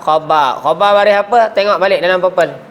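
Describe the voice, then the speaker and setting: A man with a Malaysian Malay accent teaches Arabic grammar in a classroom, speaking in a high, slightly bright voice at a somewhat fast pace. He quizzes the class often, coughs, and sometimes trails off partway through a word.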